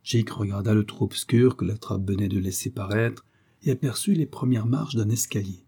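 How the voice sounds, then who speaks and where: Husky man reading a detective novel. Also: fairly low pitch, moderate pace, warm tone. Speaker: narrator. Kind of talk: audiobook narration.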